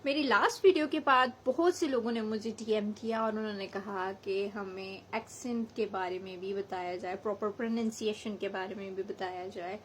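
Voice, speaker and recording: A woman's voice: mid-range voice, steady tone, normal speed, hardly any pauses, fairly bright tone, a little hiss or hum, poor audio. A woman from Hazara in Pakistan with a local accent, giving a chatty spoken English lesson and mixing English phrases into her explanations. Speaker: English teacher.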